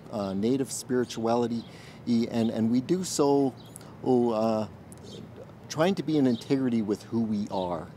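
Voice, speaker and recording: A man in his forties, a military chaplain, answers interview questions outdoors in an earnest, thoughtful way and pauses often to find his words. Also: on the low side, warm tone, slight background noise. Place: outdoors in a garden.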